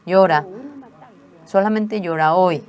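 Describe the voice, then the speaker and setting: A woman's voice: medium pitch, expressive, moderate pace, darkish tone, close to an everyday voice. A woman voicing a firm, loving mother who urges her daughter in a stern, pleading way.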